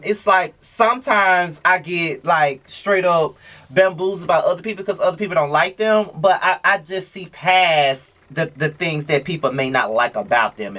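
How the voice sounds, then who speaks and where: A man's voice: a little high, pushed and bright. A man hosting a gossip commentary vlog in a conversational, opinionated way, with slang and rhetorical questions. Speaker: host of a gossip commentary show.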